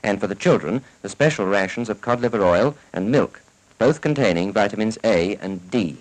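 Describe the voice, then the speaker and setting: On a vintage soundtrack of poor quality, a British man narrates a public information film in the formal, scripted, instructive style of a 1940s educational film. His voice is on the low side and animated, at a normal speed.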